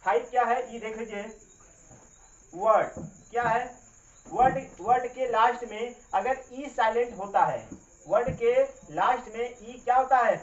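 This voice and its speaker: A man's voice: very high voice, slight background noise. A male English grammar teacher giving a classroom lesson. He spells words out letter by letter, asks the class questions, and answers them himself. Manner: slow, repetitive spelling out of letters. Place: coaching classroom. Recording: distant, roomy, dull recording.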